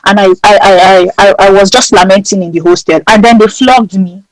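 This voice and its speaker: A woman in her thirties with a Nigerian accent, appearing as an interview guest, tells a story in a bold, emphatic way, lively and dramatic as she acts out its people. Her voice is medium-pitched and a little fast. The recording is rough, with no room sound.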